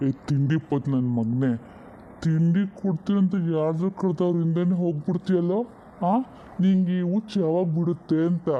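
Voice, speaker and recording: A man's voice: on the high side, fairly even intonation, moderate pace, narrow, tinny audio, lightly acted. A man voicing a stern but doting old grandfather, who scolds and then turns fond. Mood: fatherly.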